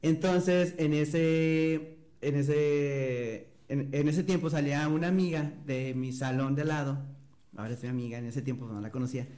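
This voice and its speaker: Animated young man telling a story. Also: fairly high pitch, normal speed. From Mexico. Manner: animated, mimics voices in anecdotes. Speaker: guest. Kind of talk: casual storytelling.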